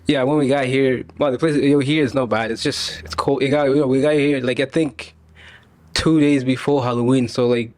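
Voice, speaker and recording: A man's voice: medium pitch, a little fast. A young man from Tanzania, a podcast guest, chatting casually with lots of "you know" and easy laughs. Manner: relaxed, laughs often, many fillers like "you know". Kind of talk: casual interview chat.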